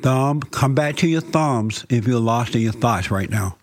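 Slow, calm man guiding a meditation. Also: medium pitch. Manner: slow, calm instructions with repeated phrases and scripture. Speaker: meditation guide.

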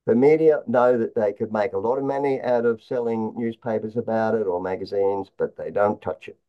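A man with a fairly low voice talks through conspiracy material as a guest. He speaks haltingly, doubling back on phrases and repeating himself. The sound is slightly dull and lo-fi. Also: clean tone. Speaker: interview guest, author. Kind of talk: conspiracy talk, explaining slides.

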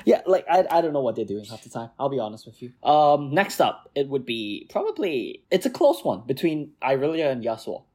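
Excitable husky-voiced man ranting. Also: mid-range voice, a little fast, hardly any pauses. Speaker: podcast co-host, jungle player. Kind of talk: casual gaming chat.

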